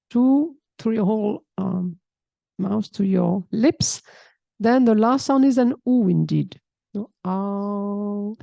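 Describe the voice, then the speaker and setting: A woman, teaching a calm, reflective spiritual talk and often checking in with a soft hmm. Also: on the high side, creaky, no echo. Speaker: yoga teacher. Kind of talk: spiritual talk reading and explaining a text.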